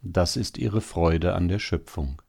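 A man's voice: deep voice, unhurried, gravelly, darkish tone, heavily acted. A man as a wry, consoling male hare. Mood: bitter. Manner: soothing, wryly bitter. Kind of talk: storybook reading.

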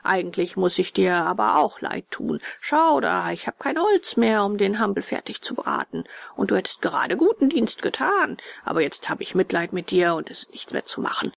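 A woman voicing a gruff, bearded male puppet-theatre director who is harsh but soft-hearted, with a rough, barking voice. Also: mid-range voice, big pitch swings, moderate pace, dry recording, exaggerated voice.

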